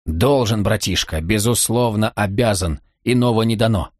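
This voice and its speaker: A man's voice: lowish voice, moderate pace, no room sound, clean studio sound, natural voice. Man doing a breathless, menacing killer brother. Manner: mocking, out of breath.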